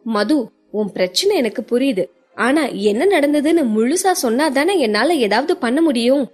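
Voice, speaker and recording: A woman voicing a quick, firm young woman who scolds and coaxes a friend, in an audio story. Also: sits high, expressive, soft background music. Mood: firm coaxing. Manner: brisk, scolding, then coaxing.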